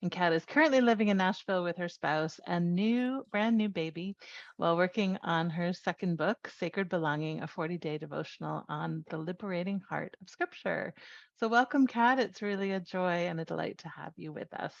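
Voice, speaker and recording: A woman hosts an interview in a fairly low voice and introduces her guests in a welcoming way. The audio is dry and a little dull, like a video call. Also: normal speed, gravelly, dry recording. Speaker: host. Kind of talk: interview hosting.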